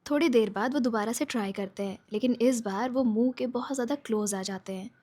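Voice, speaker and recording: A woman's voice: on the high side, fairly quick, dark tone. A woman retelling a drama's plot in a casual storytelling voice, lifting her voice for the characters' lines. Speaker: drama recap narrator.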